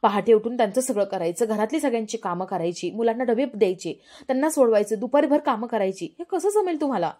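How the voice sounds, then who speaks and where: A woman's voice: fairly high pitch, animated, fast talker, few pauses, warm tone. A woman voicing a worried young husband who anxiously pleads with his wife, in a serial recap.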